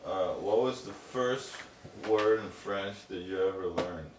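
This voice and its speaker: Male interviewer, lowish voice, informal and conversational, recorded roomy with some faint noise. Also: a little slow, distant mic.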